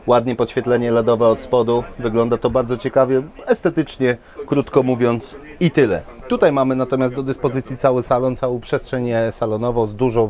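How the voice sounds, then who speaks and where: A man's voice: medium pitch, a little mellow. A man in his thirties presenting caravans at an indoor trade fair, chatting to viewers with lots of fillers, on a lapel mic. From Poland. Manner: enthusiastic, talks straight to viewers with many fillers. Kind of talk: walkthrough presentation.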